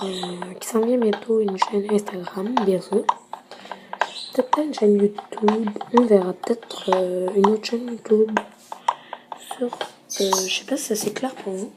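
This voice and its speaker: A woman talks over her game at an unhurried, halting pace, often pausing to think mid-sentence. A loud hiss runs under her computer mic, with mouse clicks behind her. Her pitch sits in an ordinary middle range. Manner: hesitant, many filler pauses. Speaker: gamer. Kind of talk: casual gameplay commentary.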